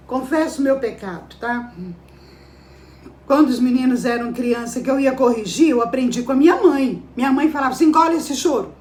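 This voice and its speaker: A woman's voice: high-pitched, dark tone, echoey room. A woman giving a devotional sermon, emphatic and full of rhetorical questions to her listeners. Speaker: preacher. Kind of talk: devotional preaching.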